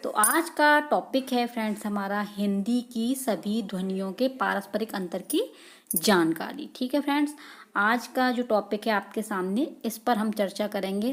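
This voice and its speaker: A woman teaching a grammar lesson for exam preparation. She often asks a question and then answers it herself, repeating key terms. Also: medium pitch. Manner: slow, deliberate explanation.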